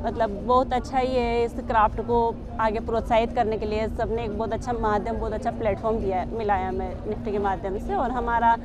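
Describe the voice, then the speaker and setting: A woman in her thirties, a weaver from a weaving village near Kota, explaining her craft earnestly with pauses and fillers at a craft fair stall, recorded by a camera a few metres away. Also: fairly high pitch, fairly even intonation. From Kaithoon, Rajasthan, India. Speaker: Kota Doria weaver and artisan. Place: indoor craft fair stall with saris on display.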